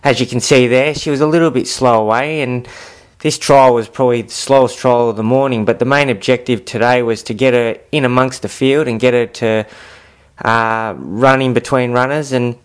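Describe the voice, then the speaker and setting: A man's voice: medium pitch, steady tone, normal speed, smooth. A man, a jockey, giving an informal, plain-spoken and upbeat commentary on a horse's trial run.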